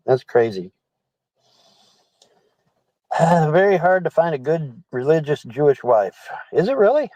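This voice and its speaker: A middle-aged man sits inside a car, reading and answering viewer chat on a livestream in a casual, rambling manner that keeps repeating phrases. His mid-range voice has a dark tone, and the recording is dry and muffled.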